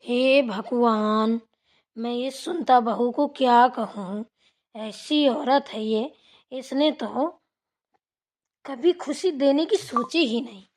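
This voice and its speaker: A woman's voice: fairly high pitch, takes it slowly, darkish tone. A woman voicing a middle-aged village mother-in-law who drawls and grumbles in a cartoon. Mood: grumbling. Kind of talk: cartoon voice acting.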